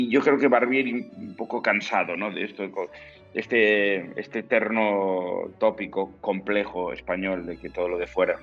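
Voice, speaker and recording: A Spanish opera and zarzuela baritone is the guest in this interview conversation, speaking low but with a fairly bright tone. Thoughtful and explanatory, he pauses now and then to search for words. The sound is dull and lo-fi, with faint background music.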